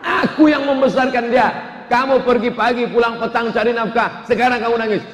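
A male preacher voicing a boastful middle-aged mother who scolds her husband in a high, whiny, shouting voice. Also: fairly even intonation, a little fast. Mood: scolding. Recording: echoey hall with long reverb.

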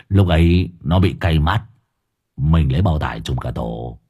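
A man voicing a gruff, coarse henchman who grumbles and curses in a deep, dropped voice. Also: lively intonation, takes it slowly, dark tone, heavily acted.

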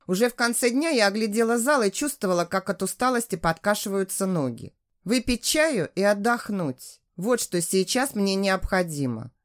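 Expressive female narrator for a first-person story, animated in pitch.

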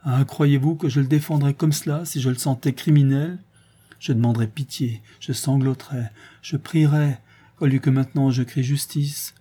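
A man's voice: medium pitch, warm tone, breathy edge, lightly acted. A man voicing a desperate middle-aged mother who pleads and protests to defend her accused son. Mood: pleading. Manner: pleading, indignant, breaking into cries.

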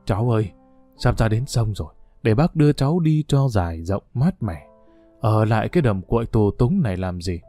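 A male narrator voicing a grief-stricken old villager who murmurs pleading words over a drowned child's raft, his tone lively in its rises and falls yet mellow and soft-edged. The voice sits close and dry, with soft guitar music behind him in this storybook reading. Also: fairly low pitch, moderate pace, no echo. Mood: grieving plea. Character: grieving old man pleading with a drowned nephew. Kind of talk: audiobook character reading.

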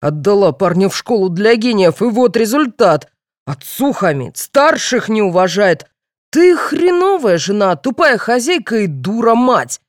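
A woman reading the part of a blustering, quick-tempered middle-aged father who scolds and shouts. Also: medium pitch, expressive, no room sound, clean studio sound, natural voice. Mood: shouting.

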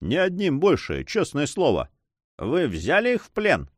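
A man's voice: a little high, wildly swooping pitch, a little slow, no echo, studio quality, voice pushed up, heavily acted. A man voicing a self-satisfied, swaggering Spanish coast guard captain in an audiobook. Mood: boastful.

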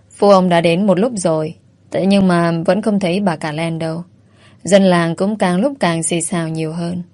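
A woman narrating a story in an even, measured way. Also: fairly low pitch, no room sound.

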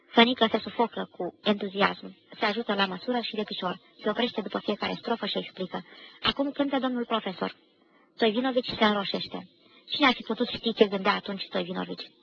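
A woman giving a measured literary reading of a novel, briefly acting out the characters' lines, on a 1990 radio archive recording. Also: mid-range voice, vocal fry, fairly bright tone. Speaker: reader of a novel. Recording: dull 1990 radio archive, faint hiss.

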